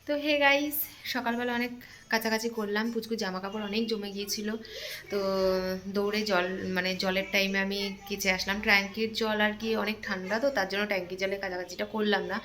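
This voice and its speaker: A woman's voice: medium pitch, steady tone, fast talker, sharp tone. A young woman chatting to her viewers as she goes about her chores at home, talking into a handheld phone. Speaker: home vlogger. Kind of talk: casual vlog narration to viewers. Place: at home, kitchen.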